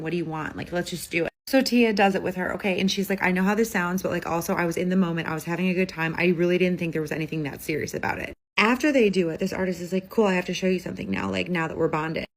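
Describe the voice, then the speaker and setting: A woman's voice: lowish voice, racing, hardly any pauses, poor audio. A woman narrating a spooky story in a casual, chatty way, full of filler words. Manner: chatty, lots of "like" fillers, acts out quoted lines.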